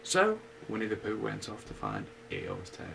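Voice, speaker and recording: A man reading a bedtime story aloud at an unhurried pace, with casual asides. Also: fairly low pitch, huge pitch swings, creaky, bright, forceful tone, a little hiss or hum, rough recording. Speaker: reader.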